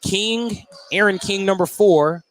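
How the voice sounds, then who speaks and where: Here an American radio announcer gives live play-by-play of a basketball game from an indoor high school gym, his high voice taking things slowly. Faint music sits behind him in this clearly noisy broadcast.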